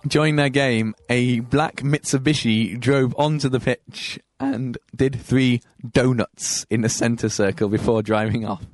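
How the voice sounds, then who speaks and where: Halting man reading news. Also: medium pitch, steady tone, no echo. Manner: reads news stories aloud, halting restarts. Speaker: host. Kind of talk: comedy news podcast chat.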